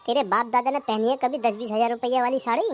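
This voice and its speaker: Brief: cartoon village husband, scolding and stingy, fairly high voice, a woman doing it. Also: steady tone, fast talker, faint music behind, close to an everyday voice. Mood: teasing grumbling. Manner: scolding, mock-dramatic. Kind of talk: cartoon comedy voice acting.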